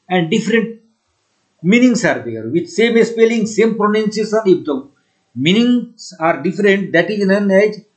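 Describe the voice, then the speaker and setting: A man with an Indian accent teaching an exam-prep English lesson, switching between Hindi and English and repeating the key words. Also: high-pitched. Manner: slow and deliberate when reading English sentences aloud.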